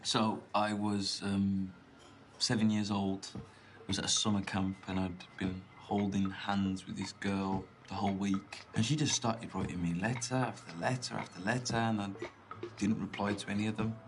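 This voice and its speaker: A man's voice: lowish voice, fairly even intonation, normal speed, a little hiss or hum, lightly acted. A young British man acting an awkward, earnest date in a video game, hesitant and full of ums. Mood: nervous.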